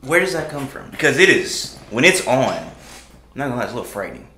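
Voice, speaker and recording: A man interviewing someone casually, gently probing with his questions. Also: mid-range voice, big pitch swings, fast. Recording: roomy echo, faint noise.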